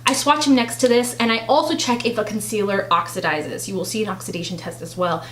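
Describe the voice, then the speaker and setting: A woman's voice: mid-range voice, steady tone, quick pace, a bit bright. A woman beauty vlogger chatting casually through a product review, rambling a little and correcting herself as she goes.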